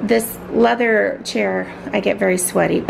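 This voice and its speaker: A middle-aged woman talks her way through a tour of her home office, unhurried and full of little fillers. Her voice has a gravelly, creaky edge. There's a faint background hiss, like a camera held in a small room. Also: medium pitch, steady tone, rough recording. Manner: chatty, filler-heavy, fond of her things. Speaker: home vlogger. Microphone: handheld camera.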